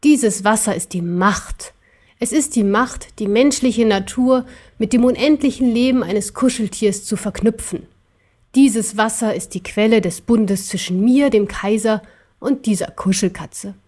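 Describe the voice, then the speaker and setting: A hard, cold emperor hiding inside a cuddly cat, played by a woman reading a storybook, speaking slowly and with mocking command. The voice sits a touch high and bright.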